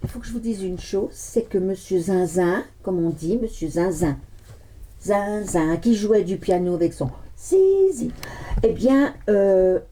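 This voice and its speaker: A woman's voice: medium pitch, dark tone. A woman tarot card reader chatting casually, rambling with many restarts and joking asides. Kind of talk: casual chat.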